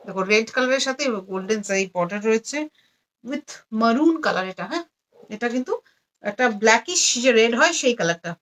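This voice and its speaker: A tired, low-energy woman selling saris on a live stream, repeating every price again and again. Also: animated, fairly quick, fairly bright tone. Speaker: online saree seller. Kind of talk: live-stream sales pitch. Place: indoors among stacks of saris.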